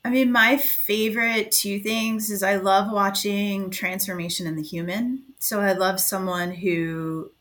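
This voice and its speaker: A woman's voice: medium pitch, steady tone, unhurried, few pauses, a bit bright. A woman guest who works as a life coach, talking in a gushing, enthusiastic interview chat full of "like" fillers.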